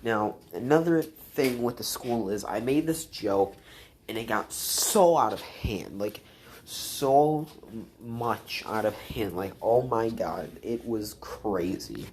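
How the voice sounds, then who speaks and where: A young woman with a strikingly low voice tells a story for her vlog. She rambles, swears freely, and keeps restarting her sentences around fillers like "um" and "you know.". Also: slow pace, a little mellow, slight background noise. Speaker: vlogger.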